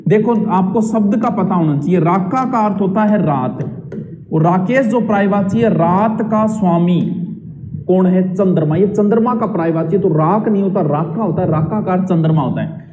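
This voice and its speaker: A man's voice: sits high, moderate pace, mellow, echoey room, long reverb tail, highs cut off. A man teaching Hindi grammar in a live online class, explaining rules step by step and answering students' comments.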